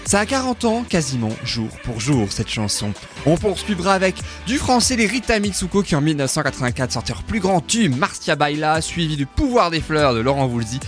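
A man hosting a radio music show, telling song stories in a lively, chatty way with many fillers. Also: fairly high pitch, a little fast. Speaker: radio host.

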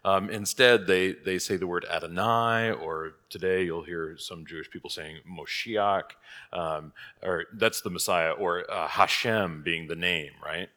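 A pastor leading a prayer and then teaching a catechism class in a conversational way, thinking aloud, heard with a cathedral-like echo. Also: male voice, low voice, measured pace, bright, forceful tone. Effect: cathedral-like echo, long hall reverb. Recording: long reverb in a large hall.

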